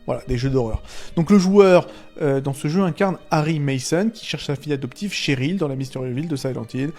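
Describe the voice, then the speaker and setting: A man's voice: fairly high pitch, a little fast, a little mellow, soft background music. A man hosting a casual video game analysis, enthusiastic and chatty, speaking straight to his viewers. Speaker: video essay host.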